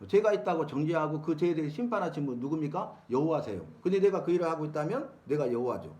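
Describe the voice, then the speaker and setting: Middle-aged male pastor, lively preaching delivery, slightly high voice, keeps asking the congregation questions. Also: fast talker. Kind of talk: sermon-style Bible teaching.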